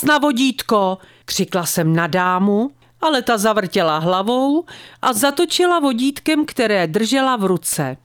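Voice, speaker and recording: Woman reading a story calmly. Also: mid-range voice, no echo, studio quality. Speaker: storyteller of a weekly show. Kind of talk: scripted first-person story reading.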